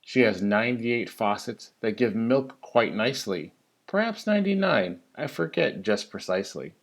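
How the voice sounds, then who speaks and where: A teacher reads a children's storybook of rhyming verse aloud with lively expression. His voice is medium-pitched and animated, moving at a normal speed.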